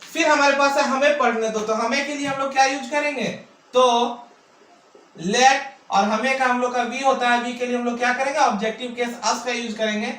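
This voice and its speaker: A man's voice: very high voice, fairly even intonation, normal speed, a bit bright. A man teaching an English grammar lesson. He keeps asking his own questions and answering them, stretching out his words. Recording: echoey room, mic at a distance.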